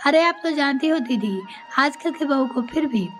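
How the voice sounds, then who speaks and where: A woman's voice: sits high, expressive, moderate pace, soft background music. A woman voicing a boastful middle-aged sister. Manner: boastful, complaining.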